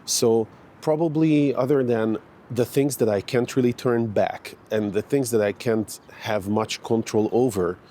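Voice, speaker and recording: Slight background noise accompanies a mid-range, dark-toned male voice moving at a somewhat slow pace. He's a fitness vlogger from Hungary in his 40s, casually vlogging on a morning park walk, stumbling through fillers and restarts.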